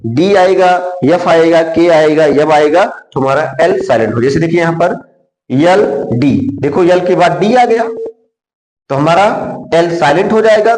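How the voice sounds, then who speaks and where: A man's voice: on the high side, a little mellow. A man teaching a classroom lesson. He asks questions and then answers them himself. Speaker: English teacher. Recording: echoey room.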